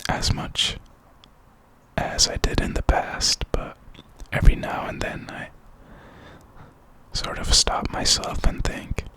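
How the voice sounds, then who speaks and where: Slow whispered pep talk from a man. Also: poor audio. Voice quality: unvoiced, breathy whisper. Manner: encouraging, reflective, unhurried. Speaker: ASMR creator. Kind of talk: whispered pep talk, ASMR positive affirmations.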